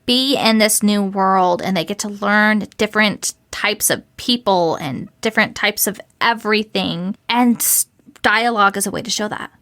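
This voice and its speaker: A woman's voice: mid-range voice, normal speed, a bit bright. A woman co-hosting a writing podcast in casual chat, playful and teasing, laughing easily. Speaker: podcast co-host, fiction writer.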